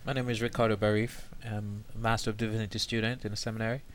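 A man's voice: lowish voice, little pitch movement, very fast, slight background noise. A man from Jamaica, a seminary student, talking in a thoughtful, hesitant way with many fillers. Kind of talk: casual discussion.

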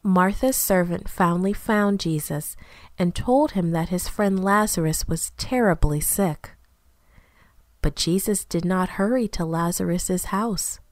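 A woman reads a Bible story to children at an unhurried, careful pace, giving each line plenty of expression. Her voice sits in an ordinary middle range and sounds close and dry, with no room around it. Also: on the low side, no echo. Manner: slow, careful, expressive reading.

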